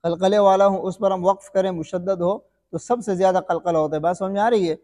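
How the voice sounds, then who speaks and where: A man teaching Quran recitation rules in a lesson, who keeps asking his students questions, answers them himself, and slowly draws out example recitations. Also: high-pitched, steady tone, warm tone, big-room sound. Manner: slow, drawn-out demonstration recitations. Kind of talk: classroom-style recitation lesson.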